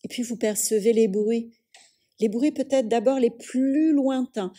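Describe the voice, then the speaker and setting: In a guided yoga nidra relaxation, a woman teacher speaks in a fairly high, calm, soothing voice. Each measured phrase is followed by a long pause.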